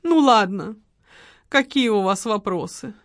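A woman's voice: mid-range voice, lively intonation, measured pace, no echo, clean studio sound, lightly acted. A woman voicing a theatrical, self-pitying widow who pleads and sighs melodramatically. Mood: dramatic pleading.

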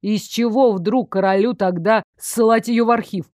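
A woman's voice: medium pitch, fairly even intonation, normal speed, a little mellow, no echo, lightly acted. A woman reading an audiobook voices a mild, meek male archive clerk with a dry, skeptical manner.

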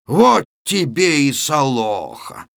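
A man's voice: mid-range voice, sing-song, takes it slowly, creaky, no room sound, studio quality, exaggerated voice. A man doing a blustering old-world Cossack villager. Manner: loud exclaiming, blustering.

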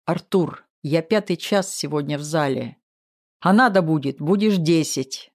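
A man's voice: a little high, unhurried. A man reading an audiobook, voicing a short-tempered male fight coach who barks and scolds. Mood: angry. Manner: barking, scolding.

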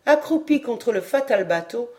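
A woman narrating an audiobook in a measured, expressive reading. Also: fairly high pitch. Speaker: audiobook reader.

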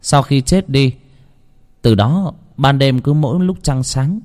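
A man narrating a ghost story in a dramatic, hushed storytelling manner. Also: mid-range voice, slow.

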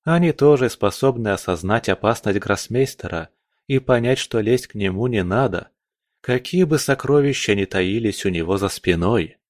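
Man voicing a calm, reasoning necromancer. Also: fairly low pitch, moderate pace, dry recording, clean studio sound, lightly acted. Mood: calm, persuasive.

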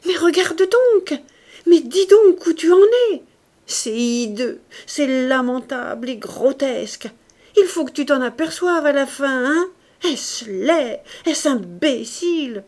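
A woman's voice: high voice, darkish tone, pitched above the performer's own voice. A woman voicing a passionate, desperate young lover. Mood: angry, pleading. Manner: passionate, shifting from fury to tender whispers.

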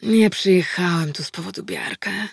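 A woman voicing a calm, cunning male werewolf intruder who speaks in an unhurried, evasive way. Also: lowish voice, gravelly, breathy edge, dry recording, studio quality. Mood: calm sly.

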